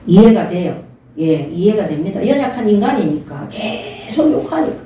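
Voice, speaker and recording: A woman's voice: mid-range voice, very animated, moderate pace, dark tone, a little hiss or hum. A woman preaching a sermon and reading Bible verses, earnest, often calling the room to attention. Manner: earnest, repeats short calls for attention. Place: church sanctuary. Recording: very echoey, mic at a distance.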